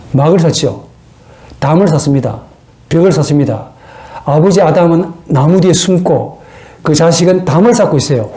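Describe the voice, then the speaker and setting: A man's voice: fairly high pitch, dark tone. A man giving a theology lecture in an earnest, preacherly way, often putting rhetorical questions to his listeners.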